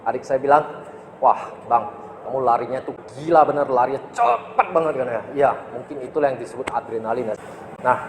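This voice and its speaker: A man's voice: on the high side, a little hiss or hum. A man, a martial arts instructor, telling a personal story to camera in a casual, emphatic way, often tossing in rhetorical questions. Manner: animated, emphatic storyteller with rhetorical tags and chuckles. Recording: echoey room with long reverb, faint ambience.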